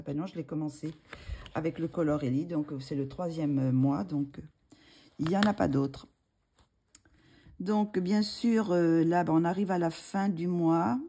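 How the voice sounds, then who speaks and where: A woman's voice: low-pitched, dark tone, slightly rough. A woman hosting a coloring tutorial, talking casually and hesitantly with many fillers and restarts, murmuring asides as she works, with a slight frog in her throat. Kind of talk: casual tutorial talk while drawing.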